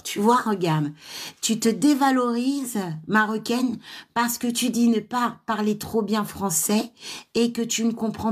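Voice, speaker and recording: Woman, slightly high voice, encouraging live chat, fillers and restarts. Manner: warm, pep-talk tone with frequent fillers and restarts; laughs often, loud high laughs. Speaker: trainer answering viewers live.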